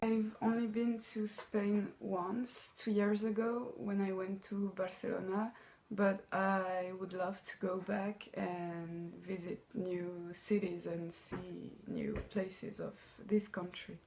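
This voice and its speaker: A young woman of eighteen answers interview questions in a calm, measured way. Her voice stays flat and even, and she takes her time. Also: mid-range voice. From France.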